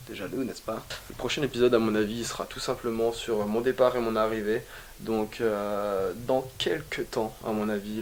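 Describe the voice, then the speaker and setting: A man's voice: on the low side, a little hiss or hum. A young adult man vlogging in a casual chatty way, slangy and swearing freely, with joking asides to viewers. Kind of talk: casual vlog talk to camera. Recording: hip hop music playing behind.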